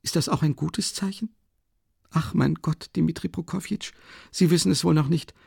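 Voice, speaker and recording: A fretful, timid mother frets and exclaims in a raised, fluttering voice, as a male audiobook reader puts her on. The tone stays gravelly underneath, and the studio sound is dry and close. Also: normal speed, darkish tone, no room sound, full character voice. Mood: fearful. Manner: flustered, exclaiming, high-pitched fretting. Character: anxious middle-aged mother, fretful and timid. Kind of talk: audiobook character reading.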